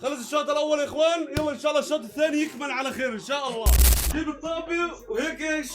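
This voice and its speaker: A man reacting live to a football match, excitable, often shouting and jeering at the play. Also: very high-pitched, rapid-fire, noisy background.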